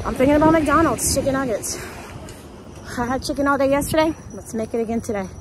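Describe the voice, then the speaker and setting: A woman's voice: sits high, fast talker. A woman in her forties talking to camera from her car, rambling in a tired, chatty way. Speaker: van-life vlogger. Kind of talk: casual vlog talk to camera. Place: inside a parked car. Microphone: camera mounted on the dashboard. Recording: loud background noise in a car.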